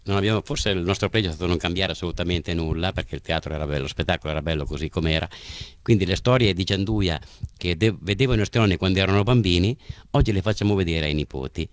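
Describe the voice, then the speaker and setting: A man's voice: deep voice, fast talker, no echo. A man, a puppeteer explaining his craft in an interview into a handheld microphone. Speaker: puppeteer from a family company. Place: indoors at the puppet theatre.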